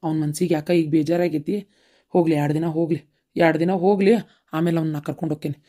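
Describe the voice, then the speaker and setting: A fast-talking, reassuring villager from a cartoon. The voice sits fairly low and stays matter-of-fact. A North Karnataka Kannada accent runs through every line. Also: female voice, steady tone, mellow. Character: calm family member reassuring the elders. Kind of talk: cartoon dubbing.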